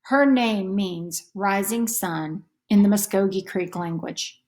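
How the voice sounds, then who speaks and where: Reading a children's storybook aloud, this medium-pitched woman tells the tale expressively and deliberately.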